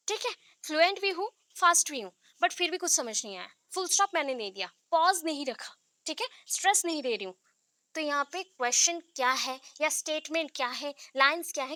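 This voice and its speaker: Woman teacher on a video call, high and bright, close dry sound, explains step by step and keeps checking in with students. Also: animated, fairly quick, no echo. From India. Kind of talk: online class lecture.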